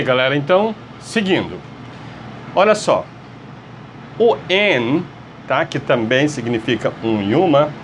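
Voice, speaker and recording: Brazilian man, English teacher, slow and lively pitch, faint hum behind, keeps checking in with the class. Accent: Brazilian Portuguese. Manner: patient, repeats words and checks in with "tá?" and "ok?". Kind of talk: online language lesson.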